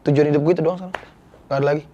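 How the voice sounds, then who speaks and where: A man's voice: fairly high pitch, fairly even intonation, racing, warm tone, muffled recording. Young man, candid and slangy. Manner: candid, slangy, earnest storytelling. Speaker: guest actor. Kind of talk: casual interview chat.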